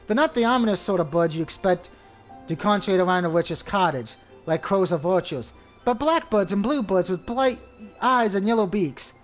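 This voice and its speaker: Gamer guy reading game text, high voice, faint music behind. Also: expressive, moderate pace. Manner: crude outbursts between lines. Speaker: gamer reading a visual novel.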